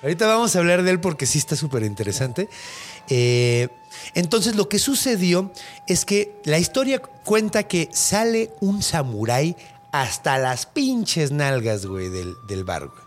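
Young Mexican host, high-ish, animated, slangy storyteller. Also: male voice, unhurried, soft background music. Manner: slangy, animated, swears a lot. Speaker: podcast host. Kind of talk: casual storytelling.

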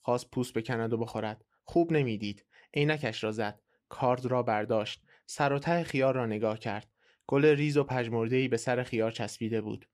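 A man hosting a podcast and calmly reading a short story aloud. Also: medium pitch. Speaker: podcast host and narrator. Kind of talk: storybook narration.

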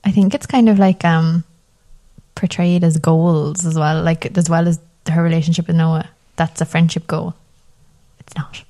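A woman's voice: sits low, little pitch movement, moderate pace, mellow. A woman with an Irish accent chatting casually about a film, laughing easily and tossing in playful asides. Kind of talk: casual chat reacting to a film.

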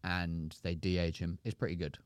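A man's voice: low-pitched, little pitch movement, normal speed, dry recording. A man co-hosting a podcast in a studio, chatting casually and telling long stories with many restarts. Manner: rambling storyteller with many restarts. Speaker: podcast co-host. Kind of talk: casual chat.

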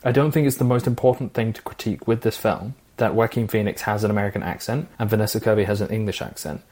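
A man co-hosting a film podcast, speaking in a measured, reasonable way. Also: lowish voice, steady tone, darkish tone. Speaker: podcast co-host. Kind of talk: casual chat.

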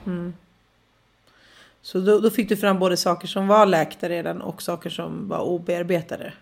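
A woman's voice: fairly low pitch, flat delivery, creaky, slight background noise. A woman hosting a podcast in casual chat, supportive, with frequent murmured agreement. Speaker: podcast host.

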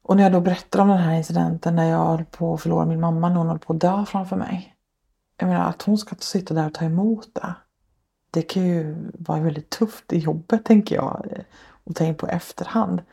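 A woman's voice: lowish voice, steady tone, vocal fry, warm tone, slightly rough. A woman and social worker, a podcast guest, earnestly telling a personal story step by step with frequent fillers. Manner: earnest, tells events step by step with many fillers. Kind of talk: personal account in a podcast interview.

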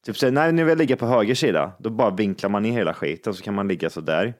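A man in casual chat among friends, rambling and excitable, laughing often. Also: on the low side.

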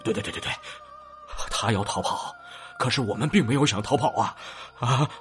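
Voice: mid-range voice, moderate pace, close to an everyday voice. An actor voicing frightened male laborers who plead, wail and fawn, with faint music behind them. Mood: terrified pleading. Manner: pleading, wailing and fawning.

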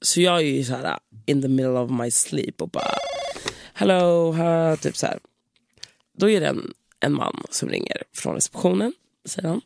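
Gravelly, deep-voiced woman telling a story. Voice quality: deep, dark voice. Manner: animated, swearing, acts out dialogue. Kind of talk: casual chat, storytelling.

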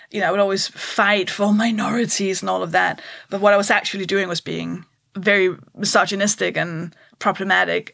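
A woman's voice: mid-range voice, gravelly, fairly bright tone, no room sound, studio quality. Danish woman in her thirties, candid. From Denmark. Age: 30s. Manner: candid, laughs often, mimics voices for jokes. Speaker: comedian guest. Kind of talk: casual interview chat.

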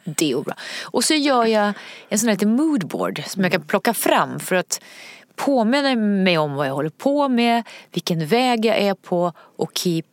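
Lively, animated Swedish-speaking woman storyteller. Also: medium pitch, dry recording. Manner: animated storyteller, acts out quoted voices, laughs often. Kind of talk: casual chat.

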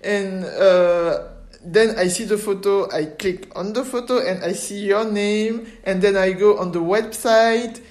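A woman hosting a podcast interview, speaking halting English with many fillers. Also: mid-range voice, darkish tone. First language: French. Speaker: podcast host. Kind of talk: casual interview.

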